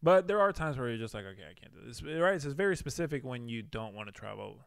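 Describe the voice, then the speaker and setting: In studio-quality audio with no echo, this man speaks fast and animatedly in a smooth, medium-pitched voice with vocal fry. Originally from Venezuela, the young airline pilot is the boyfriend guest in a couple's Q&A, chatting easily but hesitantly with many fillers.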